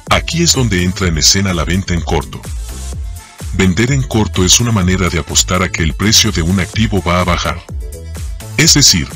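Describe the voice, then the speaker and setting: A middle-aged man giving a measured, scripted narration for a finance lesson. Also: low-pitched, pushed and bright. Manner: measured, explanatory delivery. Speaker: finance teacher.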